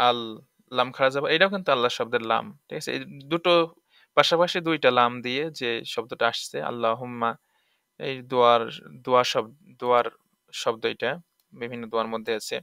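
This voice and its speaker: A man is teaching Quran recitation, spelling out each syllable before he stretches it into a long chanted vowel. His voice is bright and crisp. The recording is dry and close, with no room echo. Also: medium pitch, steady tone. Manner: breaks words into letters and sounds, drawn-out recitation, asks the listener questions. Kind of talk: tajweed lesson, spelling out and reciting.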